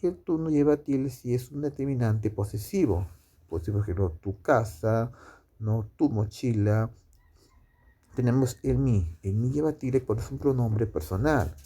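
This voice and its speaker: Dark-voiced man explaining grammar. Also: mid-range voice, husky. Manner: explains slowly with many fillers and tag questions. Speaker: teacher. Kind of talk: spoken grammar lesson.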